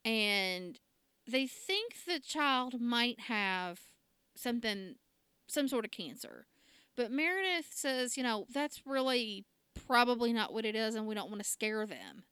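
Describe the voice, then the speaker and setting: A woman's voice: fairly high pitch, very animated, unhurried, pushed and bright, smooth, dry recording. A woman, casually recapping a TV drama episode and laughing often. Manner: chatty, laughs often, acts out quotes. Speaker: podcast co-host recapping a TV drama. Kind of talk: casual chat.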